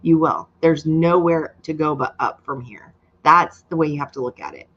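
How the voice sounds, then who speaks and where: A woman's voice: deep voice, moderate pace, husky, highs cut off. A woman in her fifties giving an earnest, emotional testimonial, speaking straight to her viewers. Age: 50s. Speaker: program member sharing her story. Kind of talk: candid personal testimonial.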